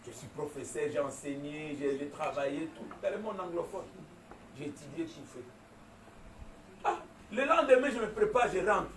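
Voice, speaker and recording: A man preaching a sermon as pastor, animated, with call-and-response and laughing asides. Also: fairly high pitch, normal speed, a little hiss or hum. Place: large church hall. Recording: echoey church hall, far from mic, congregation. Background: congregation responding.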